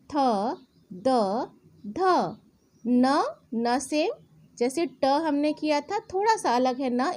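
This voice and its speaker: Slow, careful woman teaching sounds. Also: high-pitched, a little mellow. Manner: slow, deliberate, spelling out each sound. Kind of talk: children's alphabet lesson.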